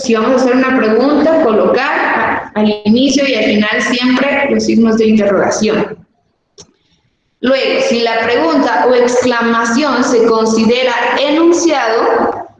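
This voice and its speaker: A woman teacher giving a classroom lesson from a textbook, explaining patiently and asking rhetorical questions. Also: on the high side. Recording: echoey room with long reverb and faint noise.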